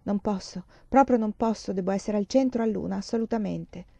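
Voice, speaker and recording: A woman reading an audiobook, voicing a torn young mother who speaks in a tense, halting way. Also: mid-range voice, creaky, warm tone, dry recording. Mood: anguished.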